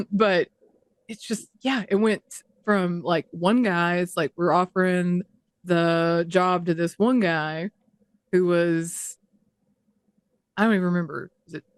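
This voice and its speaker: A woman's voice: on the low side, slow, dry recording. A woman co-hosting a podcast, ranting in casual chat, swearing freely and mocking other people's words in quoted voices. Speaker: podcast co-host.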